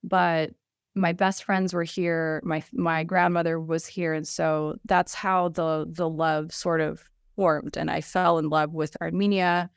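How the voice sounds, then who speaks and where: A woman's voice: low voice, little pitch movement, slow pace, vocal fry, clear, resonant tone, no echo, clean studio sound. A woman in her thirties, raised between the United States and Russia, introducing herself on a webinar panel in a chatty way, with many fillers and restarts. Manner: conversational, frequent fillers and restarts. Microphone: video call.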